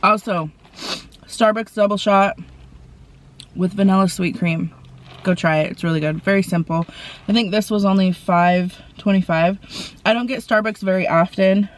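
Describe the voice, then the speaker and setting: A woman vlogger from the Portland area chatting casually while eating, with soft mumbled asides over her food. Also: mid-range voice, steady tone, normal speed, pauses often. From Portland, Oregon area. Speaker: mukbang vlogger. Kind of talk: casual eating-show chat.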